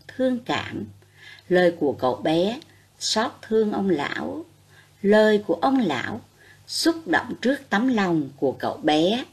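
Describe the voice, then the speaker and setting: A primary school teacher giving an online reading lesson to children, pronouncing each word slowly and carefully. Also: female voice, mid-range voice, darkish tone. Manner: slow, careful syllable-by-syllable pronunciation drills.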